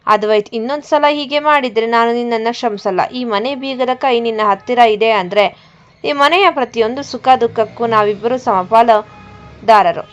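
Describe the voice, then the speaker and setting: A man's voice: very high-pitched, normal speed, a bit bright. A woman voicing a stern, protective young husband who speaks firmly, on a dull lo-fi recording. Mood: tender. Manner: firm, threatening in defense of his wife.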